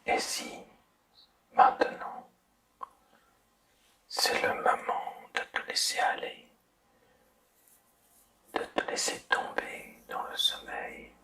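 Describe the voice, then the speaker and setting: A person whispering quietly, as if at night, in a slow, soothing, deliberate ASMR style, guiding a listener toward sleep with long pauses. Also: far from the mic, low-quality recording.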